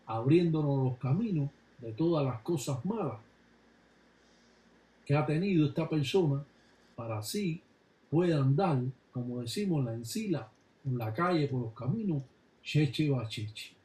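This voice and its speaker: A man calmly explaining religious rituals in a measured, instructive way. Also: on the high side. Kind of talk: explanatory narration. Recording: echoey room with background noise.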